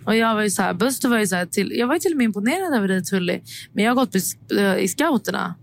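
A woman co-hosting a podcast, telling stories in a casual, chatty way with quick asides. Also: medium pitch, lively intonation, vocal fry. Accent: Swedish. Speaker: podcast co-host. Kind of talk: casual chat. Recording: faint background noise.

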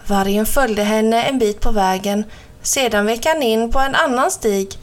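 A woman narrating a children's fairy tale from a storybook, with clear, even storytelling. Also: on the high side. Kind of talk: reading a children's storybook aloud.

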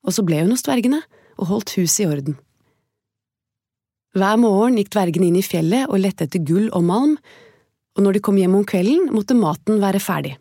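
A woman reads a fairy tale aloud in a calm, gentle way at an even pace. Her voice is mellow and sits at a middle pitch. The recording is dry and close. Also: long pauses, dry recording. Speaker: storyteller.

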